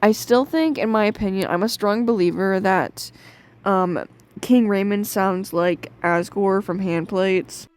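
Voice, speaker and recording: A woman's voice: mid-range voice, measured pace. Brief: young woman host, casual, chatty, opinionated review commentary. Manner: chatty, lots of fillers, opinionated.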